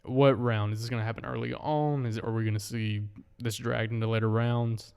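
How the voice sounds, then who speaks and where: A man's voice: medium pitch, flat delivery, brisk, creaky, darkish tone, clear, resonant tone, in a large hall. A man of twenty co-hosting a casual podcast, leading the rundown in an easygoing way with frequent ums. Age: 20s. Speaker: podcast co-host. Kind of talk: casual chat.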